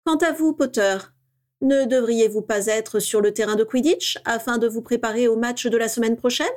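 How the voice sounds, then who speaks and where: A woman's voice: a little high, normal speed, darkish tone, voice pushed up, natural voice. A woman voicing a stern older female professor who speaks coldly to her pupils in a read-aloud story. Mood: cool stern. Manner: cold, clipped reproach.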